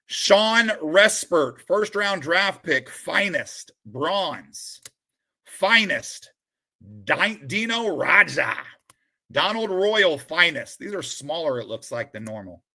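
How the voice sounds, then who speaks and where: Excitable man reading off card names. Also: on the high side, takes it slowly. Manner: excitable, reads names aloud then drops into quiet muttered asides. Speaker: sports card streamer opening a collection. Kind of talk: live-stream commentary while sorting cards.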